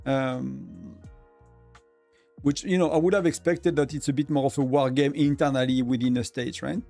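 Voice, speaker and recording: A man's voice: medium pitch, normal speed, creaky, mellow, soft background music. A man with a French accent, whose first language is French, chatting casually on a live game stream, rambling with many fillers and restarts. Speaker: gaming streamer.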